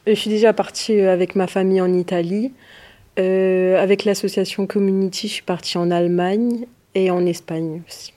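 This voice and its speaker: A young woman, a student, introducing herself with pauses. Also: mid-range voice, steady tone, warm tone.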